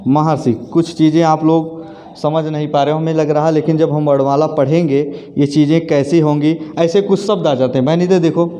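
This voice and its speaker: The teacher, a man, speaks briskly in a slightly high, steady, warm voice. He guides a classroom through grammar by asking questions and repeating the answers aloud, calling students friends and sister.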